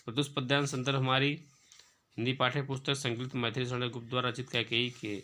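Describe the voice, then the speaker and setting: A man's voice: mid-range voice, level tone, very noisy. A man teaching an exam-prep lesson, reading questions aloud and then explaining and dictating the answers. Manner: slow, drawn-out recital when reading verse.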